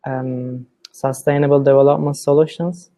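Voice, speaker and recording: A man's voice: medium pitch, little pitch movement, warm tone. A man from Turkey, practicing English with a tutor and choosing his words carefully. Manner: careful, deliberate non-native phrasing. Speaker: student.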